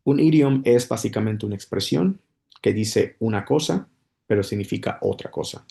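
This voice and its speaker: A man's voice: fairly low pitch, lively intonation, normal speed, vocal fry, warm tone. A man giving a casual spoken English lesson, explaining patiently with many repetitions and restarts. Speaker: English teacher.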